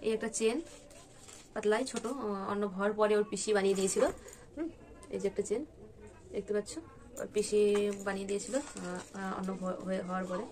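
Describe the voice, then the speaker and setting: A woman's voice: medium pitch, steady tone, a little fast, pauses often, darkish tone. A young woman from West Bengal chatting casually at home in a vlog, rambling with many fillers and restarts. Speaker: vlogger.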